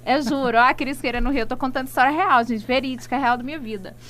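A woman's voice: high voice, fast talker, a bit bright. A woman, a guest telling personal stories animatedly in a casual chat, repeating words for emphasis. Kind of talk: lively storytelling in casual chat.

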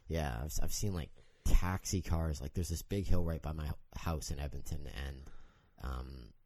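A man's voice: very deep voice, fairly even intonation, normal speed, dark tone. A man in casual chat, laid-back, swearing and laughing along.

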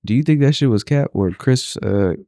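This man's warm, mid-range voice has lively intonation and a normal pace, recorded cleanly in a studio with no room sound. He's swapping stories and banter casually, using crude slang and repeating phrases to build momentum.

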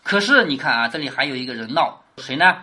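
Lively woman lecturing, quick and animated. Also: very deep voice. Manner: lively, keeps asking rhetorical questions. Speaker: literature teacher. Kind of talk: lecture explaining a classic novel.

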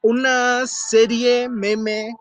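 A man's voice: very slow, no echo. A young man with a Mexico City accent casually telling a personal story, full of slang and frequent laughter. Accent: Mexico City Spanish. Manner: animated, slangy, laughs often, jumps to falsetto in retellings. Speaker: vlogger. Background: faint music.

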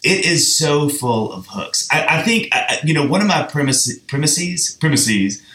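A man hosting a podcast, talking about songwriting in an animated, chatty way with frequent restarts and easy laughter. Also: a little high, normal speed, roomy sound. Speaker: podcast host. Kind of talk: casual music chat.

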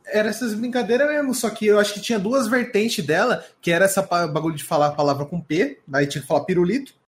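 Brief: young Brazilian man, high voice, rambling slangy storyteller who laughs a lot, podcast chat. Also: fast talker. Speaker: podcast co-host. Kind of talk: casual chat.

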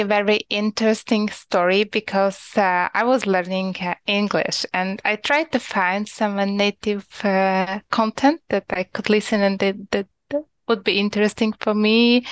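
A woman's voice: medium pitch, fairly even intonation, measured pace, clean tone, no echo. A young woman from Ukraine with a Ukrainian accent, a guest on an interview who speaks English hesitantly, searching for words with many fillers. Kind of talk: conversational interview.

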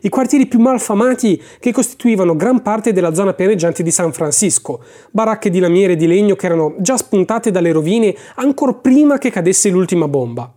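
Audiobook narrator, expressive reading, lively pitch, mellow tone. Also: a little fast, few pauses.

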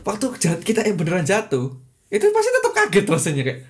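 A man's voice: high voice, wildly swooping pitch, quick pace. Give me a young man in casual chat, rambling with lots of fillers and chuckles. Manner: rambling, heavy use of fillers, chuckles often.

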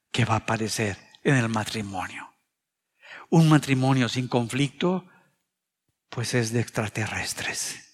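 A man's voice: mid-range voice, slightly rough. A middle-aged Mexican man preaching a sermon, earnest and confessional, sharing personal stories. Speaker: pastor. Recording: reverberant hall sound.

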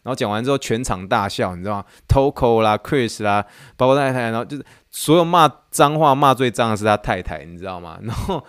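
A man from Taiwan, hosting a podcast as a casual, animated monologue and laughing often. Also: mid-range voice, a little fast, hardly any pauses, clean tone, no room sound, studio quality. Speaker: podcast host.

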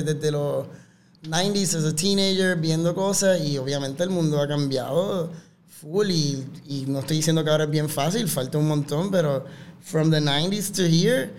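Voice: medium pitch, darkish tone. A man with a Puerto Rican accent chatting casually as an interview guest, switching between Spanish and English mid-sentence in Spanglish. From Puerto Rico.

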